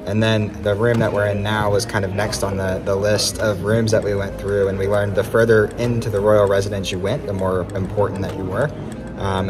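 Chatty man vlogging with music behind. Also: lowish voice. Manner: chatty, many ums, relaxed recounting. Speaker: travel vlogger. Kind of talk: casual travel vlog recap. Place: inside an ornate palace room, later outdoors in snow. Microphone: phone held at arm's length, selfie framing.

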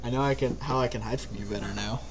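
A man's voice: mid-range voice, steady tone, fast talker, noisy background. A young man chatting casually while playing a game with a friend, teasing and laughing often. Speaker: co-player. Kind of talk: casual gameplay chat.

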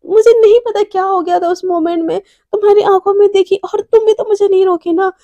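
Young woman lover, played by a woman narrator, high-pitched, pleading, stammering, storybook romance. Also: steady tone, a little fast, mellow, dry recording. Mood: tearful pleading.

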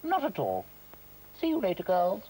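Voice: mid-range voice, wildly swooping pitch, moderate pace, mellow, breathy edge, poor audio. A performer voicing an absent-minded, bookish male professor in a children's puppet cartoon, mild and apologetic. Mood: kindly.

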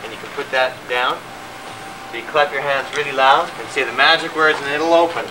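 A man's voice: medium pitch, steady tone, brisk. A man coaching children playfully, like a showy magician at a kids' party, in a casual outdoor home video. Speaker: adult leading children's magic trick game. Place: outdoor driveway. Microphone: camcorder microphone at a distance. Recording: distant, noisy outdoor camcorder audio.

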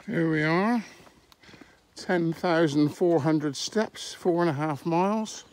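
Out on country lanes and fields, a middle-aged man from England records his walk on a handheld phone, talking casually in a slightly high voice. His sentences break off with pauses, and a faint outdoor background is audible.

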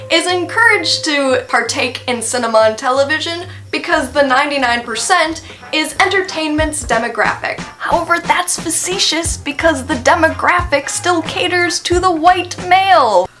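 A woman's voice: sits high, expressive, normal speed, sharp tone, faint music behind. A young woman hosting an art and film vlog, chatty and playful, poking fun at her own slips. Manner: playful, self-mocking, stumbles and laughs at herself. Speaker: host of an art and film channel. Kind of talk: casual talking-to-camera vlog.

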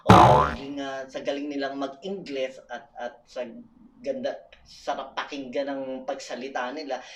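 A woman's voice: low-pitched, far from the mic, a little hiss or hum. A woman from the Philippines with a Filipino accent, chatting casually to her viewers, laughing often and calling out to them. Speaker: vlogger. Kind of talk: casual vlog chat.

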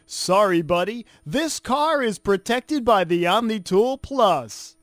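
A man's voice: high-pitched, animated, fairly bright tone, no room sound, exaggerated voice. A man playing an enthusiastic, earnest infomercial announcer in a parody ad, stretching key phrases for emphasis. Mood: upbeat selling. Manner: salesy, drawn-out emphatic phrase endings.

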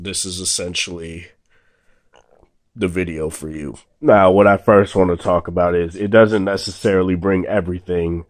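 Off camera at a table indoors, a young man who reviews tech chats loosely about a phone he's handling. His voice is very deep and a touch sore following an illness, and he rambles in a relaxed way with many fillers and false starts. The room is dry, with no echo.

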